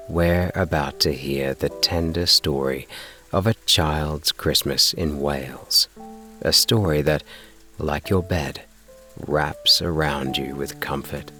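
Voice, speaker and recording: Male sleep-story narrator, extremely deep, slow, soothing, measured, soft music behind. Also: fairly even intonation. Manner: soothing, unhurried, gently measured delivery. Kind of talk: slow bedtime relaxation narration and story reading.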